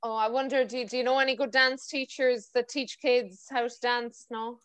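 A woman's voice: a little high, flat delivery, moderate pace, fairly bright tone, clean tone. A woman with a west of Ireland, County Mayo accent, hosting a casual, chatty podcast interview over a video call. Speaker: podcast host.

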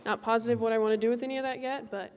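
A young woman, a graduating student, introducing herself softly, her sentences trailing off. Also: on the high side, fairly even intonation, very fast, a little hiss or hum. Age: young adult.

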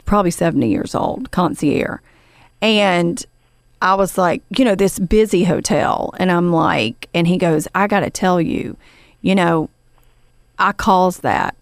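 A woman's voice: fairly low pitch, no room sound, clean studio sound. A woman hosting a podcast, telling a story in a casual, chatty way with lots of fillers and the odd "honey" for her guest. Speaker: podcast host.

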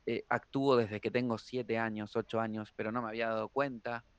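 A man, a tarot reader talking as an interview guest, animated and playful. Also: fairly low pitch, fairly quick, clean tone. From Argentina. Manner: animated storyteller, playful, slips into impressions. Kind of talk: casual interview chat.

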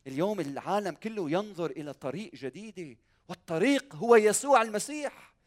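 A male pastor with a Lebanese Arabic accent delivers a church sermon in a fairly high-pitched voice. He speaks emphatically, repeats key phrases for weight and puts rhetorical questions straight to his listeners. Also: lively intonation, a little fast.

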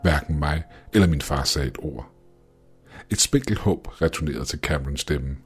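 A man narrating a scripted horror story in a measured, ominous way. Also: rumbling low, faint music behind.

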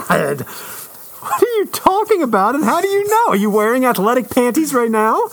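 A man's voice: very high voice, big pitch swings, moderate pace, creaky, noisy background. A man co-hosting a casual podcast who teases his partner with incredulous questions and laughs easily. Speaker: podcast co-host. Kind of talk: casual chat.

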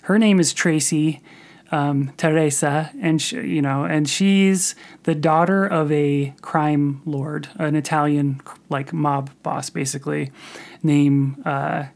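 A man co-hosts a casual film podcast, talking in long, animated runs. He loops back, restarts his sentences, and piles on fillers as his thoughts tumble out. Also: fairly high pitch, slow, gravelly. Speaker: podcast co-host. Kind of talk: casual chat about films.

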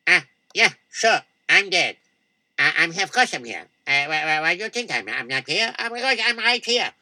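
Excitable defensive shopkeeper, jumpy lively delivery, voiced by a man; dry close sound. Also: a little high, normal speed, dry recording, full character voice. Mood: flustered. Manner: flustered, repeating himself.

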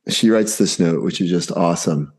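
A man's voice: deep voice, normal speed, a little mellow, husky. A man in his forties, a podcast guest, telling a family story casually and animatedly, acting out the dialogue.

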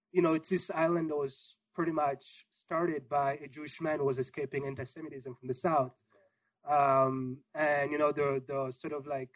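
A young man raised in Israel, answering interview questions in a relaxed, rambling way with many fillers. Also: on the high side, rough recording. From Congo, raised in Israel. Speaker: gallery owner guest.

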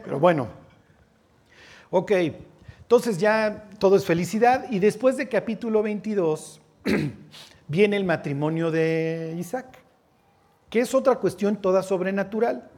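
High-voiced Mexican man preaching. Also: measured pace, pauses often, a little mellow. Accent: Mexican Spanish. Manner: conversational, checks in with listeners, slangy asides. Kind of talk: bible teaching sermon.

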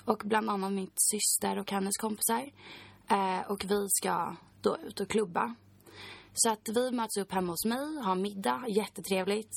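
A woman's voice: mid-range voice, fairly even intonation, creaky, no room sound. A woman in her twenties, a podcast guest, recounting a personal story in a chatty way full of fillers.

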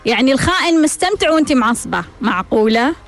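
A woman hosts a self-help show in a high, lively voice that swings widely in pitch. She keeps posing rhetorical questions and answering them herself, while faint music plays underneath. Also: quick pace. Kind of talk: scripted self-help monologue.

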